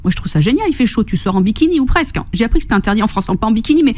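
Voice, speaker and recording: An upbeat Corsican woman with a mellow, fairly high voice talks rapid-fire as a guest on a radio interview in the studio. She's a fitness and nutrition coach, enthusiastic and quick to laugh. She tells her stories animatedly, slipping into quoted voices.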